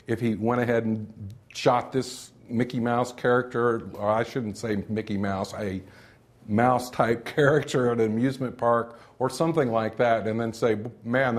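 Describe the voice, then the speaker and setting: A man's voice: mid-range voice, fairly even intonation, moderate pace. A man, a game developer, recalling his studio days in a rambling, conversational interview. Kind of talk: interview recollection.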